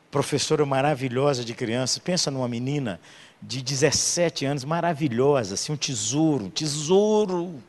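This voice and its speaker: An older pastor tells stories from the pulpit from his homeland. His voice swings from loud, rising bursts down to soft, quiet murmurs. The delivery is emotional and personal. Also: medium pitch. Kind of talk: storytelling sermon.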